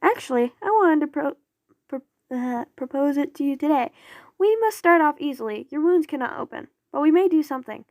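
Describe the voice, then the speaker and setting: A woman voicing a cheerful young female apprentice in an audio story, chirpy and gentle. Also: high voice, expressive, brisk, no room sound, clean studio sound. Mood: earnest.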